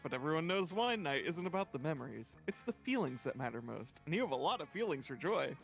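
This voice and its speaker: Brief: male stream narrator reading game script, animated delivery, light music underneath. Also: on the high side, quick pace, creaky. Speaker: charity stream player and narrator.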